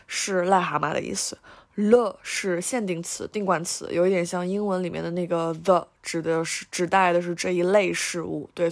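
A woman hosting a language podcast, explaining words in a chatty manner and slowly over-enunciating French words. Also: on the low side, gravelly. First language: Mandarin. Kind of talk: casual educational talk.

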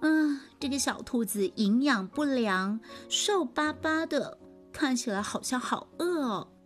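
Woman storyteller for little kids, high and animated, unhurried. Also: soft background music. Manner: animated, gentle, addresses the child warmly. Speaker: storyteller for children. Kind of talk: children's story reading.

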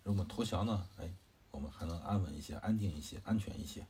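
A man voicing an adult male commander who reasons calmly in a plain, conversational storytelling voice. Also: low-pitched, a little hiss or hum, lightly acted. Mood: reasoning. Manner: plain conversational retelling with drawn-out particles.

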